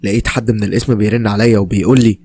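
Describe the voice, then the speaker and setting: A man's voice: lowish voice, steady tone, rapid-fire, warm tone, husky. A man with an Egyptian accent narrating a dramatic first-person crime story.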